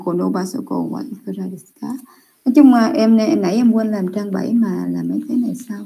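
A young adult woman teaching a class over a computer mic. She explains patiently, stretching out words as she corrects answers. Her voice sits at an ordinary middle pitch. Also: dark tone. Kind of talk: online Japanese class correction.

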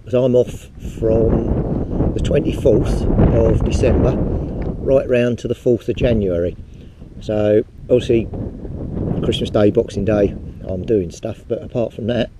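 A man casually narrating his metal detecting on a beach, chatting and rambling to a head-mounted camera outdoors. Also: medium pitch. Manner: chatty, rambling, talks to camera while digging. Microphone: head-mounted action camera. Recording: wind-buffeted outdoor action-camera audio. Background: wind and sea noise.

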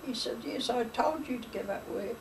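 A woman's voice: fairly high pitch, normal speed, gravelly. An older woman telling family stories in a rambling, chatty way, acting out old conversations. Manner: rambling, chatty, retells dialogue, laughs. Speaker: interviewee. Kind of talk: oral history storytelling. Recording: distant mic with faint hiss.

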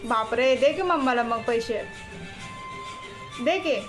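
Young mom, high voice, coaxing and teasing her toddler in a home vlog over faint music. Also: animated, slow pace. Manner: coaxing, teasing talk with a little child. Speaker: mother and vlogger. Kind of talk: casual family vlog talk.

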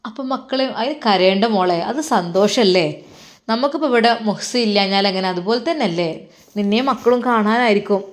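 Storybook father with a Malappuram accent, soft and coaxing, as voiced by a woman narrator. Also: mid-range voice, brisk, lightly acted. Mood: tender. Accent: Malappuram Malayalam. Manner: tender, coaxing. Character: gentle caring middle-aged father.

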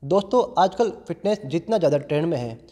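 A man's voice: fairly high pitch, expressive, quick pace, warm tone. A young man in his twenties, a gym owner, earnestly explaining fitness to camera in a large indoor gym through a lapel mic. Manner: earnest, explanatory, addresses viewers as friends. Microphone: clip-on lapel mic held in hand. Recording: long reverb of a gym hall.

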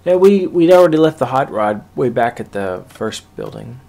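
A man with an ordinary mid-range voice talks through recorded gameplay in a relaxed, casual tone. He explains each move step by step, like a host walking his squad through a past match. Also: medium pitch, moderate pace, gravelly.

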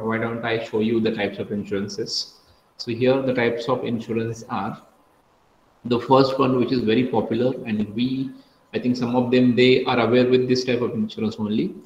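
A man's voice: mid-range voice, a little mellow, slight background noise. Male lecturer in an online class heard through a screen recording, methodical and self-correcting, muffled roomy sound. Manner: methodical, repeats and corrects himself. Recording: dull, echoey screen-recorded call audio.

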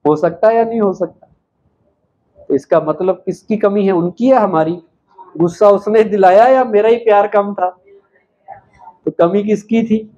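A man's voice: high voice, warm tone. A man giving a spiritual talk to an audience, asking questions and answering them himself with emphasis. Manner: unhurried, emphatic delivery. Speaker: spiritual speaker. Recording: slightly dull, lo-fi sound.

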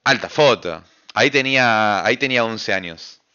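A man's voice: lowish voice, lively intonation, normal speed, bright, forceful tone, clean tone, highs cut off. A young man with an Argentine accent, a streamer chatting casually with his chat, slangy and rambling, swearing often. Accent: Argentine Spanish. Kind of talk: casual chat reading a live chat. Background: background music.

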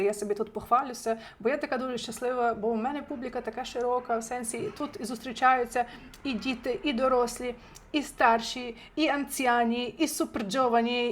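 A woman teaching an online language lesson from home, chatty and lively, talking straight to her viewers, a little under the weather. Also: fairly high pitch. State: recovering from illness, clears throat. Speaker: Italian teacher. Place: home, indoors.

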